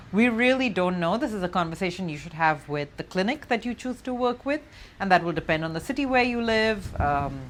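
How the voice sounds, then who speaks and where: Earnest coaching woman, lowish voice. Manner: earnest, coaching, addresses viewer directly. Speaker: matchmaker giving advice. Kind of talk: direct-to-camera advice vlog.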